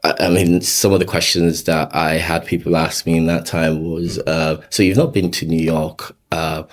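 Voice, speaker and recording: Podcast guest: man from Nigeria, very deep voice, easygoing storyteller. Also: normal speed. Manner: relaxed storyteller, many fillers, laughs often. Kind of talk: casual conversation.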